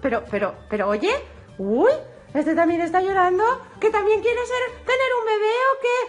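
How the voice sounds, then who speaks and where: A woman voicing a calm boy leader of a team of rescue pups in a toy play video, soothing and fussing over squabbling kids. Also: extremely high pitch, normal speed. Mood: coaxing.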